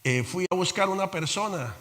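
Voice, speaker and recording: Animated pastor in a reverberant hall. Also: male voice, high-pitched, moderate pace. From Colombia. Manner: animated, swings between loud exclamations and quiet asides. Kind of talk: sermon. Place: church sanctuary. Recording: long church hall reverb.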